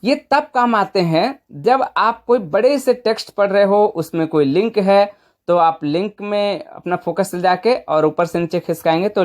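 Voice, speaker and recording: A woman's voice: on the low side, darkish tone. A woman presenting an informal step-by-step phone tutorial, conversational and often checking in with short tag questions.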